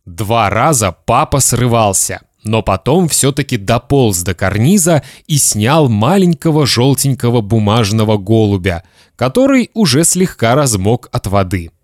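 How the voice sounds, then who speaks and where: A man reading a children's story aloud in an expressive, storytelling manner. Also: mid-range voice, a little slow, hardly any pauses, dry recording, studio quality. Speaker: reader.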